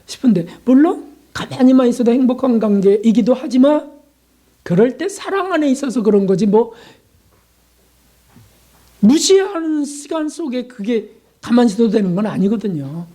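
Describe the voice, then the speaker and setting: A man's voice: very high voice, expressive, moderate pace, pauses often, warm tone. A male pastor giving a sermon in a conversational way, asking rhetorical questions and acting out short prayers and dialogues.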